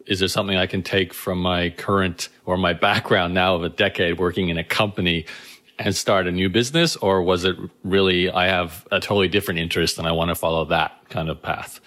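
A very deep-voiced man hosting an interview show, with a Canadian-tinged accent although he is from Australia. He asks friendly, rambling questions in a relaxed, casual tone. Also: fairly quick. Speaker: podcast host.

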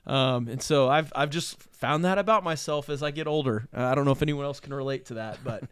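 A middle-aged pastor hosting a relaxed church chat, joking and rambling with lots of fillers. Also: male voice, medium pitch, a little fast, smooth. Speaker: pastor and podcast host. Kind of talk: casual chat.

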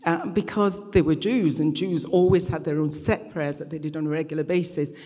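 Speaking briskly in a low, mellow voice with fairly even intonation, a middle-aged guest preacher and regional church minister keeps her phrasing conversational, hesitant, and light. It's a live sermon and interview in a large church hall with long, echoing reverb.

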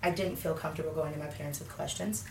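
A candid woman in her thirties tells her faith story in an interview, rambling through fillers with a lowish voice. She sounds a bit far from the mic in an echoey room, with faint ambient noise. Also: fairly even intonation, rapid-fire, gravelly. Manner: candid, many fillers, laughs often. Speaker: guest.

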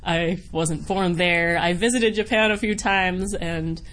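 She has a lowish, fairly bright voice and talks a little slowly. In casual interview answers, this American voice actor from Wisconsin is chatty and rambling, giggling and putting herself down. Noticeable background noise can be heard.

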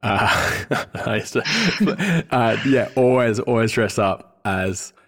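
Slow and sing-song, with a medium pitch and a fairly bright tone, a man in his thirties chats casually as a podcast guest. He's Australian, born in New Zealand, and comes across as hesitant while he searches for words.

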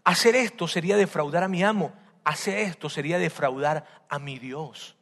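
Guy doing a young slave begging to be left alone, high earnest voice, echoey hall. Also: normal speed, creaky, fairly bright tone. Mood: pleading. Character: young male biblical slave refusing temptation.

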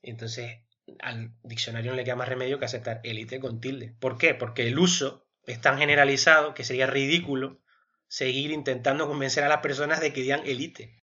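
On a laid-back podcast, this co-host gives long explanations, musing aloud with fillers and tossing in small tag questions to check in. His voice is bright and forceful, medium in pitch, brisk and fairly even in intonation, captured on a dull, lo-fi recording.

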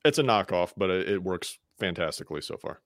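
Very deep-voiced man, laid-back co-host. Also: expressive, fairly quick, fairly bright tone, dry recording, studio quality. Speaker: podcast co-host. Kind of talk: casual chat.

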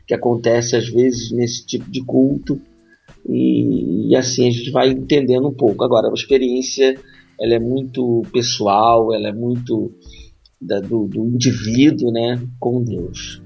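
A man's voice: medium pitch, steady tone, measured pace, vocal fry, warm tone, breathy edge, highs cut off, soft background music. A man co-hosting a podcast, talking reflectively about faith and often tagging his points with a questioning "right?". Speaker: podcast co-host. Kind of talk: casual discussion on faith.

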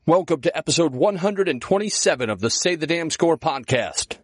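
A man's voice: on the high side, animated, moderate pace, slightly rough, dry recording. A male podcast host and sportscaster from Minnesota, recorded inside a walk-in closet on a small digital recorder, giving candid, conversational updates. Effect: dry closet sound, muffled by clothes. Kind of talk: podcast intro monologue.

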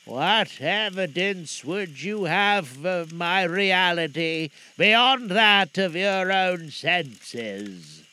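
A man voicing Marley's ghost, a dead business partner speaking slowly and solemnly in an audiobook. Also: sits high, animated, pushed and bright, clean tone, full character voice. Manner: slow, drawn-out, solemn.

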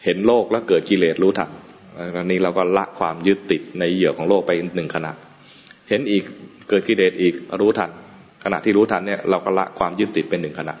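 A male Buddhist monk giving a relaxed dharma talk, joking aside now and then with small chuckles. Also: low voice, quick pace. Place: meditation hall. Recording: dull audio with long hall reverb.

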